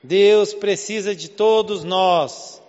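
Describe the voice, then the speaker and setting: Slow and high-pitched with a darkish tone, this Southeast Brazilian pastor delivers a chatty sermon full of rhetorical questions. The church hall gives a big-room sound, and the highs are cut off; his accent is Southeast Brazilian Portuguese.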